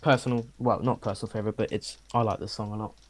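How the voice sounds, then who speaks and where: A man hosting a casual song quiz among friends on a podcast, reading lyrics out slowly and evenly. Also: on the low side, steady tone.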